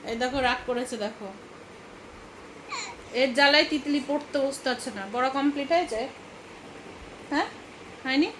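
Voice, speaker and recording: A woman's voice: high voice, moderate pace, long pauses, a bit bright. A woman in her thirties from Bengal, chatting casually and rambling in a home vlog, now and then soothing a toddler. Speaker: vlogger. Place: home room with fans running. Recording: noisy home phone recording.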